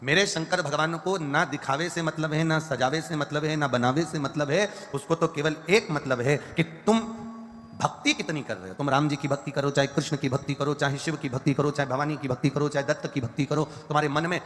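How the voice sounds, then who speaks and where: Man, devotional preacher, emphatic list-driven delivery, slightly high voice, echoing hall. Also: a little fast, fairly bright tone, slight background noise. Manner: emphatic, repetitive lists, breaks into chanting. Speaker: kathavachak preacher. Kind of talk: devotional sermon with sung verses. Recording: long hall reverb.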